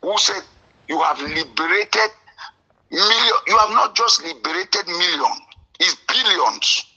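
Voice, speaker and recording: A man from Cameroon with a Cameroonian English accent, calling in to a radio show, impassioned and indignant, at times breaking into shouts. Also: sits high, expressive, a little slow, highs cut off. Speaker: caller. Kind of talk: call-in radio talk.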